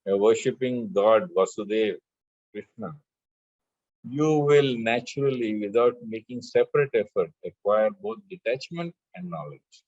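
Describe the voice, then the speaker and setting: A man teaching spiritual lessons in a measured way, chanting scripture verses between his explanations. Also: lowish voice, darkish tone, dry recording, lo-fi sound. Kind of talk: spiritual discourse with scripture recitation.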